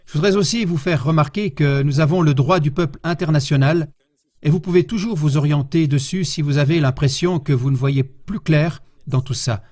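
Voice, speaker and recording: Guy giving a history lecture, kinda high voice, measured, keeps asking the crowd questions. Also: a little mellow. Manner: measured, rhetorical questions to the audience. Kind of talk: public lecture addressing an audience.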